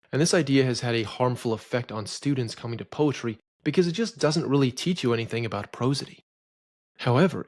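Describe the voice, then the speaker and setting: Male lecturer, mid pitch, dry close mic, reads verse slowly and stressed. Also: no echo. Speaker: poetry lecturer. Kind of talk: scripted educational narration.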